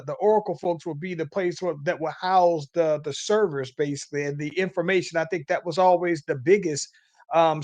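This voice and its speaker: A man's voice: a little high, darkish tone, no room sound. A man hosting a casual podcast, rambling along and tagging his sentences with "though, man". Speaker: podcast host.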